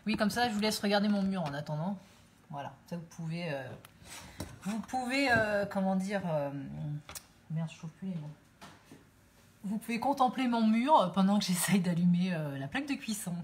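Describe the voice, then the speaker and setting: A woman's voice: medium pitch, lively intonation, moderate pace, slight background noise. A woman hosting a casual live cooking stream from her home kitchen, chatting with viewers through her phone and rambling with many fillers.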